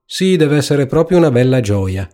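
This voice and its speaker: A man's voice: fairly low pitch, lively intonation, normal speed, a little mellow, husky. Man doing a scolding know-it-all hen. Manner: scolding, ironic, preachy. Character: fussy self-important hen, female. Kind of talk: storybook reading.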